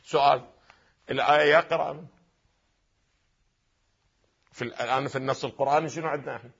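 A man with an Iraqi Arabic accent giving a classroom lecture on religious texts. He asks the class questions, answers them himself, and draws words out slowly to spell out their vowels. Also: mid-range voice, fairly even intonation, vocal fry, fairly bright tone, breathy edge. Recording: slightly dull lo-fi recording.

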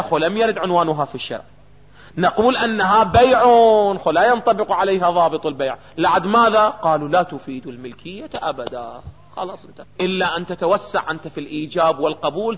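A man's voice: on the high side, fairly bright tone, breathy edge. A man with an Iraqi Arabic accent teaching jurisprudence in a seminary lecture, constantly throwing questions at his students and answering them himself. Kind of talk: seminary lecture on a legal text. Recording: reverberant hall, dull lo-fi sound.

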